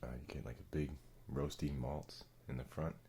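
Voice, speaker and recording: A man with an exceptionally deep, hushed voice full of gravelly creak. He rambles softly and casually as an ASMR host, halting and slangy. A faint-to-clear hiss sits behind him. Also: steady tone. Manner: laid-back, halting, slangy and profane. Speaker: ASMR video creator and host. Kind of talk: soft-spoken ASMR, casual rambling chat.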